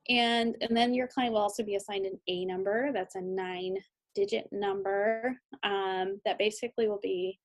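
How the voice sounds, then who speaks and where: An American woman, an immigration lawyer, presents training slides in a medium-pitched voice. Her delivery is instructional yet informal, broken up by frequent hesitant pauses and ums.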